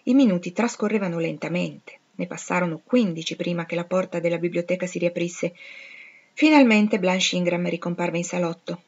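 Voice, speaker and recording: A woman with a fairly low, somewhat dark-toned voice reads a classic novel aloud, measured and expressive. The recording is dull and lo-fi, with the top end rolled off. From Italy. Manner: measured, expressive storytelling delivery. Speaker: audiobook reader. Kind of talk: literary reading aloud.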